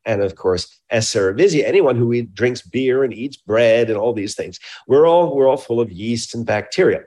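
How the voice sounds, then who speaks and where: Appearing as an expert guest in a science interview, a man with a mid-pitched, warm voice explains technical matters in precise language. He emphasizes key points with lively intonation at a moderate pace.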